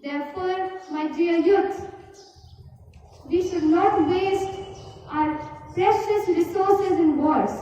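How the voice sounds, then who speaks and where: A woman from India delivering a patriotic speech at a school event, emphatic and rhetorical with dramatic pauses. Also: extremely high pitch, warm tone, a little hiss or hum. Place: large echoey school hall. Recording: echoey hall from far off, dull.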